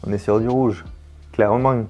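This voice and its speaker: A man's voice: fairly low pitch, steady tone, normal speed, muffled recording, over music. A French man hosting a puzzle video, thinking aloud casually as he works, with jokes and mild swearing. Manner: casual, swears in surprise, jokey.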